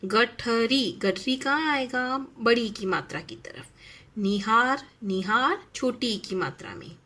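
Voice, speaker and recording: A woman's voice: a little high, expressive, slow pace, sharp tone. A woman teaching a Hindi lesson to young primary school children, stretching out each word and asking simple questions as she goes. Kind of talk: slow, clearly enunciated lesson for young children.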